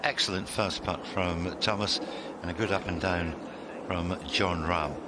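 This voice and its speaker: A man's voice: sits low, fairly even intonation, unhurried. A man commentating on live golf, recapping and describing play. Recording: loud outdoor background noise.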